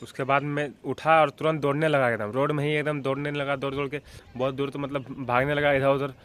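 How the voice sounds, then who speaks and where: A young man from Jharkhand, India, tells a childhood story to his vlog viewers in a relaxed, rambling way. His voice sits in an ordinary middle pitch, and he keeps checking in with the listener and clearing his throat as he talks. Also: brisk. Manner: rambling, with frequent filler checks like "theek hai" and "hai na". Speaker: vlogger.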